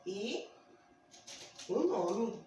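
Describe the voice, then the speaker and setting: A woman's voice: medium pitch, sing-song, mellow. A woman teacher with a Brazilian accent telling a phonics story to small children, drawing out her vowels in a sing-song way. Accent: Brazilian Portuguese. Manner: slow, sing-song, stretches vowels while pointing to letters. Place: classroom with a board. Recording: very echoey classroom, faint room noise.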